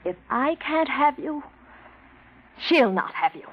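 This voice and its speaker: A woman playing a passionate, possessive young woman in a 1940s radio drama, speaking in an intense, theatrical, breathy way. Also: high voice, animated, slow pace. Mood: threatening. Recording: dull 1940s radio recording.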